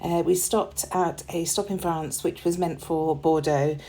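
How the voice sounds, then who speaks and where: A British woman who hosts a crafting channel narrates a scrapbooking process video, her low voice slightly hoarse as she's losing it. She talks a little slowly, relaxed and chatty, with frequent ums and small laughs.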